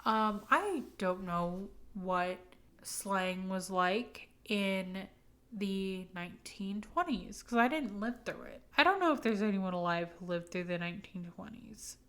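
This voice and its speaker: A woman's voice: medium pitch, animated, a little slow, fairly bright tone. A woman in her twenties, drunk and rambling emphatically through a casual, opinionated rant. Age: 20s.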